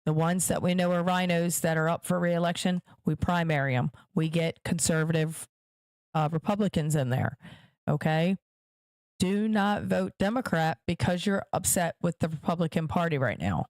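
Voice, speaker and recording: Speaking at a moderate pace in a somewhat low, slightly mellow voice, this woman runs her own podcast. She talks straight to her audience about politics with emphasis, restating points for stress, and the recording has no reverb.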